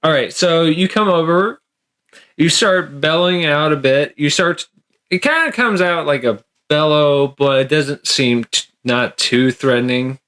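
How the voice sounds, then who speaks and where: A man's voice: fairly high pitch, unhurried, a bit bright, clean tone. A man running a tabletop game as game master, rambling with lots of fillers and frequent laughter.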